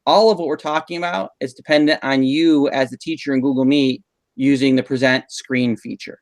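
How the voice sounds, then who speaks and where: A man's voice: medium pitch, fairly even intonation, fairly quick, no room sound. Male tech trainer, patient explainer, dry close video-call sound. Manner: patient, explanatory, frequent um fillers. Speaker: instructional technology trainer. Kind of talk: live online teacher training session. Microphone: video call mic.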